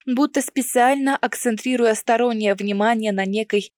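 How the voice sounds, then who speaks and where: A woman's voice: on the high side, moderate pace, a little mellow, no room sound, studio quality. A woman narrating a first-person audiobook in a wry, conversational storytelling manner.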